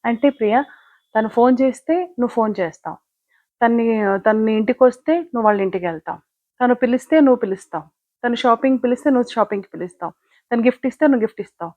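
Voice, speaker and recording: A woman's voice: fairly high pitch, very fast, dry recording, voice pushed up. Woman voicing a preachy older sister, firm and moralizing, dull dry home recording. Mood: lecturing. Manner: lecturing, moralizing. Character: caring older sister scolding sister.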